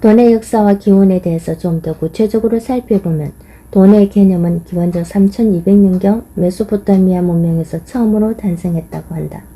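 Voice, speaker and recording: A woman reads a nonfiction book aloud in a measured, even narration. Her voice is deeply mellow and dark, with a husky, breathy grain that softens every phrase. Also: poor audio. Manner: measured, steady reading. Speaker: audiobook reader.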